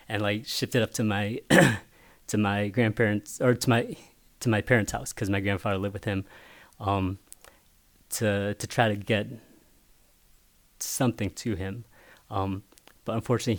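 In a casual interview, a picture book author whose first language was Vietnamese speaks in a lowish voice. He is thoughtful and halting, restarting his sentences often.

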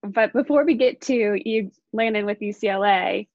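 A woman interviewer asking brisk, steady questions. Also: mid-range voice, no room sound, muffled recording.

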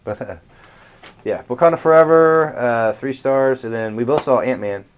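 A man's voice: medium pitch, normal speed, smooth. A man co-hosting a podcast, chatting casually in a joking, crude, teasing way. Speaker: podcast co-host. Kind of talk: casual chat.

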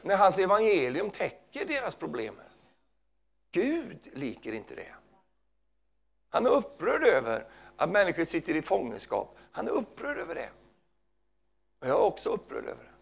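A man preaching a fervent sermon, calling out hallelujah often and swinging between loud emphasis and hushed asides. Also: sits high, huge pitch swings, vocal fry.

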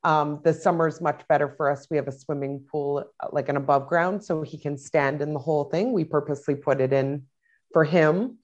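A woman's voice: deep voice, steady tone, moderate pace, darkish tone. A woman in her thirties, a parent talking casually in an interview, rambling with many fillers and restarts. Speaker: parent guest. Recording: dull lo-fi sound.

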